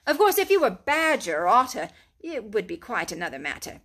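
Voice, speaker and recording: A woman's voice: a little high, wildly swooping pitch, brisk, a bit bright, heavily acted. Storybook water rat, brave and cheery, woman reader voicing him with hearty reassurance. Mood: reassuring. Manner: hearty, reassuring, a little lecturing.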